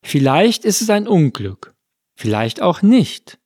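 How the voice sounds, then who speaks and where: A man voicing a wise old farmer in a storybook reading, speaking in a slow, measured and unruffled way. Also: high-pitched, big pitch swings, darkish tone, husky, dry recording, clean studio sound, full character voice. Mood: calm.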